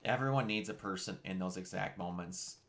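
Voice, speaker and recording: A young man talking casually on a game stream, halting with many restarts. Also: sits low, a bit bright.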